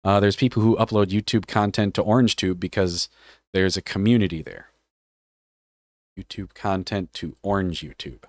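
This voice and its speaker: Man, low voice, casual streamer chat, joking and cursing, dry close mic. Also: moderate pace, darkish tone, no room sound. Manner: joking, offhand, swears freely. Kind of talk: casual live-stream chat, reading aloud.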